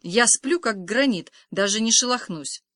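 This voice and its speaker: A woman reading the part of a calm, matter-of-fact grown man. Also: fairly high pitch, unhurried, no echo, clean studio sound.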